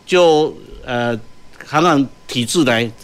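A man with a Taiwanese Mandarin accent speaks as an executive guest in an interview. His pitch is average for a man, and he explains things haltingly, in short phrases ending in particles. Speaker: guest, port company executive.

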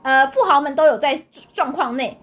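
A woman's voice: sits high, normal speed, slight background noise. A young woman tells her own story in a casual chat, laughing often and acting out the dialogue. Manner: animated, laughs often, acts out quoted dialogue. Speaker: podcast co-host telling her own story.

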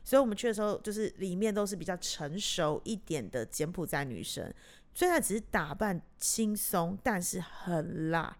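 A woman podcast host with a Taiwanese accent, chatting casually in an animated, teasing way. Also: on the low side, normal speed. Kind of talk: casual chat.

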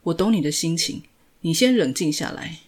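Lady reading a cop barking orders, husky, a bit louder than her narration. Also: fairly high pitch, lively intonation, moderate pace. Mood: stern. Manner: curt orders. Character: stern male police officer, firm and commanding.

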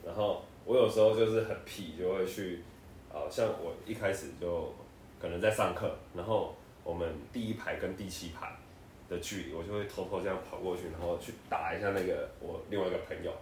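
A low-pitched young man with a Taiwanese Mandarin accent rattles off childhood stories at a brisk clip, laughing as he goes. He sounds set back from the mic in a very echoey room, with a faint hiss underneath. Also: fairly even intonation, darkish tone, recorded from a distance. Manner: laughs often, storytelling. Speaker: podcast co-host. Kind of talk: casual chat.

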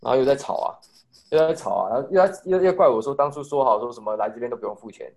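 A man's voice: medium pitch, lively intonation, very fast, creaky, a little mellow. A young man with a Taiwanese Mandarin accent, telling a rambling story in casual podcast chat with a lot of swearing.

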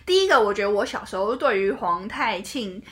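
A young woman in casual chat, animated and laughing as she rants about old drama scenes. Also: mid-range voice, fairly quick. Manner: animated, swears and laughs while ranting. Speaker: co-host.

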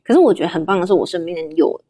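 A woman's voice: on the low side, expressive, rapid-fire, warm tone. A young adult woman with a Taiwanese Mandarin accent, chatting candidly as a guest in a casual interview. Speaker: interview guest, livestream shopping host.

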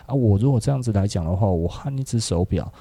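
A middle-aged Taiwanese man with a deep, gravelly, dark voice, chatting through a podcast monologue. He keeps checking in with rhetorical questions. His husky tone sits close and dry on the mic. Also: animated, fast talker, no echo. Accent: Taiwanese Mandarin. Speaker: podcast host, clothing shop owner.

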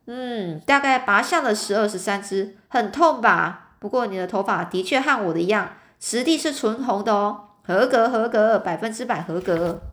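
A woman's voice: medium pitch, normal speed, few pauses, a bit bright, natural voice. A woman reading a storybook aloud, voicing a short red-haired man who is fussy and overly polite and keeps repeating himself. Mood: smooth, polite. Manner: ingratiating, repeats his words.

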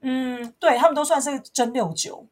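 A woman with a smoky, husky voice co-hosting a podcast in casual, teasing chat. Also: high-pitched, moderate pace. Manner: expressive, laughing, teasing. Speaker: podcast co-host.

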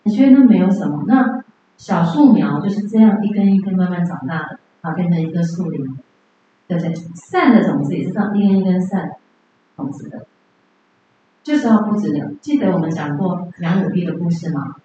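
A woman's voice: on the low side, animated, a little fast, mellow, slight background noise. A woman giving a lecture on Buddhist teaching who chats with her class and often asks them questions. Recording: very echoey, dull lo-fi room.

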